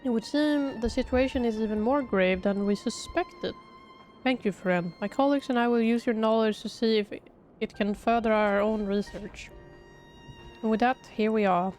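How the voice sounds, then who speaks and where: A woman's voice: fairly high pitch, moderate pace, a little mellow, close to an everyday voice. A woman streamer voicing a kindly village tea brewer, speaking politely in a formal, old-fashioned way, with faint violin music behind. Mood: gentle.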